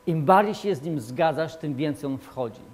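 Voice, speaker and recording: A man preaching a sermon as pastor, emphatic and repetitive, swinging between loud declarations and quiet asides. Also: on the high side, lively intonation, moderate pace, slightly rough.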